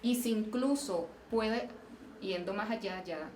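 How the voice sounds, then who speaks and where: Slow and medium-pitched with a darkish tone, a Venezuelan woman who works as a geological engineer answers interview questions thoughtfully, often backing up and repeating words. Her Venezuelan Spanish accent is captured by a distant mic in a roomy indoor venue with faint background noise.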